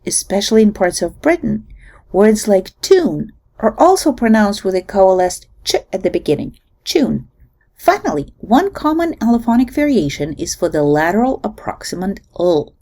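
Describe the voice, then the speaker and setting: A woman giving a recorded linguistics lecture, explaining in a measured way and demonstrating sounds aloud. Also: mid-range voice, warm tone.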